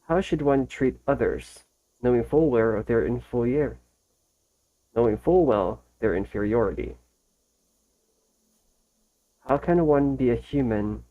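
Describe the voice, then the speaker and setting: Hosting a casual reaction video, a man reads text aloud a little haltingly, going back over phrases to correct himself. His voice is mid-range, and the sound is phone quality.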